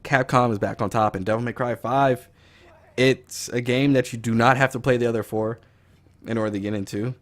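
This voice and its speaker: A man with a raspy voice from a cold, giving a casual, rambling video game review as the host of his channel. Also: medium pitch, fairly even intonation, brisk. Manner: rambling, loose, with fillers and profanity.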